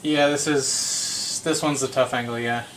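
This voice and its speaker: A man's voice: mid-range voice, steady tone, a little slow, a bit bright. A man chatting casually as a helper on a car job, with frat-bro slang and swearing. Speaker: friend helping on the car. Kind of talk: casual chat. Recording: noisy on-location sound with ambience.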